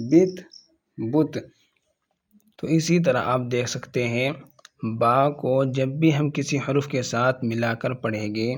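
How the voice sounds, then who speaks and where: A man teaching a reading lesson step by step, slowly and patiently spelling out letter sounds and repeating each syllable. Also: medium pitch. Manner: slow, repeats sounds and letter names clearly.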